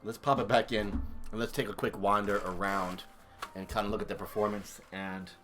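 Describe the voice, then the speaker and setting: A man's voice: lowish voice, steady tone, normal speed, a bit bright, soft background music. A man streaming and commentating a video game comparison in a chatty, enthusiastic way. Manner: chatty, enthusiastic, thinks aloud. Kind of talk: casual gameplay commentary.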